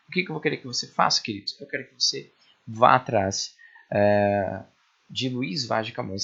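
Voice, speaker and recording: A man's voice: mid-range voice, creaky, a bit bright, breathy edge, muffled recording. A male literature teacher with a Brazilian accent, giving a recorded lesson to students, stretching syllables and often checking in with "né?" and "certo?". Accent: Brazilian Portuguese. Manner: drawn-out stressed syllables, frequent "né?" and "certo?" checks.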